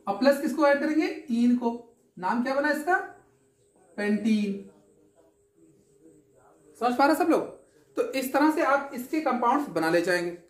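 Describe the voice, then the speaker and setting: Speaking in a fairly high voice within an echoey room, a woman teaches chemistry in lecture form. Her explanations are patient and step-by-step; she answers the questions she herself asks and checks continually that everyone understands.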